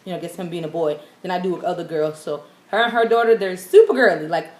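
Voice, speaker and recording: A woman's voice: on the low side, quick pace. Woman, guest, blunt, direct, casual chat, echoey room. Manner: blunt, straightforward.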